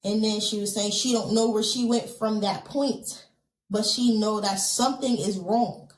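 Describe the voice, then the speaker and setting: Speaking at an unhurried pace with a medium-pitched voice, this podcast guest recounts something from her own life with earnest detail. She quotes other people's lines aloud and scatters fillers throughout, all captured in poor, roomy audio.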